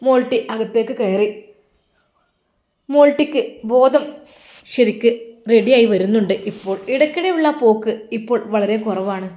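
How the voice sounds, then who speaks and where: A woman tells a dramatic moral story in a high voice with a Malappuram Malayalam accent. The room lends her narration a clear, roomy echo. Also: moderate pace, pauses often, dark tone.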